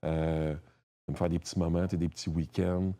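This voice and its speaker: A man's voice: low voice, flat delivery, normal speed, mellow. A man from Quebec with a Québécois French accent, a guest chatting casually and rambling, with many restarts and a lot of "tu sais". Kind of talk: casual conversation.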